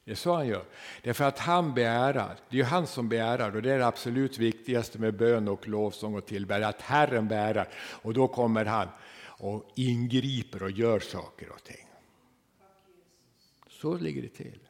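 A medium-pitched man preaches to his congregation, moving between loud, emphatic passages and hushed near-whispers, and ends rhetorical questions with a quick "va?". The church hall gives a long reverb.

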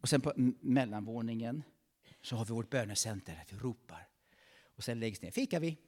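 A male pastor delivers a fervent sermon in a church. His pitch swings widely as he talks, and he breaks off to call out praises between points. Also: lively intonation, a little mellow.

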